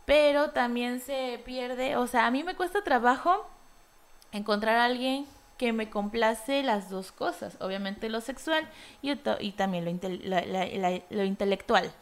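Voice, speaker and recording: A young Mexican woman talks about her own life in a relaxed, candid way. Her voice sits a little high, and she fills her talk with everyday fillers and little mock quotes. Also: unhurried. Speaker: design graduate. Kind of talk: casual personal monologue.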